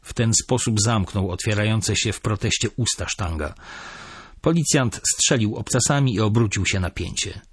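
A man narrating a crime novel as an audiobook in an even, measured manner. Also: fairly low pitch, slightly rough, no room sound, clean studio sound.

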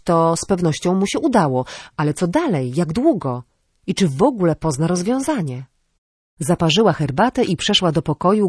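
A woman reading a novel aloud as an audiobook narrator, in a measured, even delivery. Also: on the low side, breathy edge, dry recording, studio quality. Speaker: audiobook reader. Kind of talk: scripted narration.

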